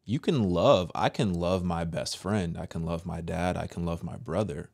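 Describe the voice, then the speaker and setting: A man's voice: low-pitched, moderate pace, vocal fry, darkish tone. A man in his thirties giving preachy reaction commentary into a close microphone, with rhetorical questions. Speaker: reaction video host. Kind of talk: commentary on a played video. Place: small indoor room. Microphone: close desk microphone with headphones.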